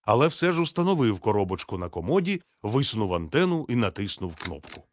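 A man narrating a children's storybook in a steady, measured, gently expressive reading. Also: lowish voice, no room sound, studio quality.

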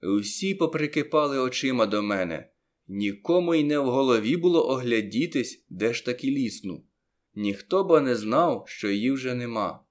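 A man narrating a first-person story aloud as an audiobook reader, in a lively storytelling manner that stretches some words slowly for effect. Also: medium pitch.

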